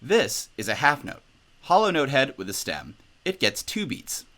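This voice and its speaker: A young man teaching a music lesson in an upbeat, instructional way. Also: moderate pace. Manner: upbeat, instructional, lively pitch. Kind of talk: music tutorial.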